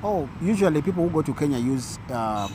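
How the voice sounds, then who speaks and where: Animated Ugandan man interviewing, lively high pitch. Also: a little fast. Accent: Ugandan East African. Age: young adult. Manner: playful, animated. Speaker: interviewer, host. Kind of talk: casual interview chat. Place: park outdoors by a road. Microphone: clip-on lapel mic. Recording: outdoor ambience with vehicle noise.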